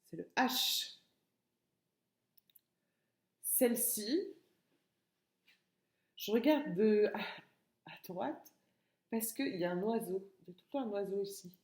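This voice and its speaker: A woman teacher giving a remote lesson to young children from a room at home, slow and patient, repeating each word and syllable. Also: medium pitch, expressive, roomy sound. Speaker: kindergarten teacher.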